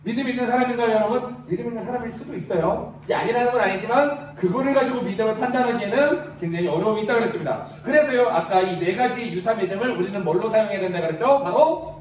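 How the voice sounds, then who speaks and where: A man's voice: sits high, lively intonation, quick pace. A man preaching as an evangelist at a youth retreat, asking the crowd questions and leading them in reading aloud. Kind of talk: interactive sermon. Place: large hall at a youth summer retreat. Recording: very echoey hall, mic far off.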